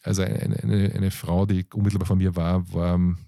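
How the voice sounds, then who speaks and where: A man with an Austrian accent, a coach and comedian, telling stories in an interview with lively laughs and many fillers. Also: sits low, moderate pace, vocal fry, dry recording, studio quality. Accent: Austrian German. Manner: animated storytelling with frequent laughs and fillers. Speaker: guest, coach and stand-up comedian. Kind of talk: conversational interview.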